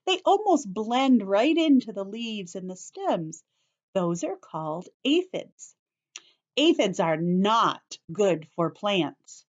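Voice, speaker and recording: In slightly dull lo-fi audio, a woman teacher with a mid-range, darkish voice reads aloud to young children. She explains things in simple terms, repeats them, and keeps asking the children questions along the way.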